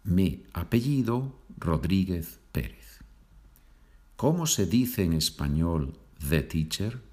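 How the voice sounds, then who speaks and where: A man teaching a podcast language lesson, repeating phrases slowly for learners. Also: deep voice, expressive, a little mellow. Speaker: Spanish teacher.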